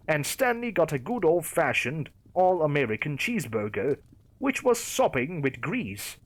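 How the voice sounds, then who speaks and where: A man narrating a creepypasta story in a wry storytelling manner. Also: a little high.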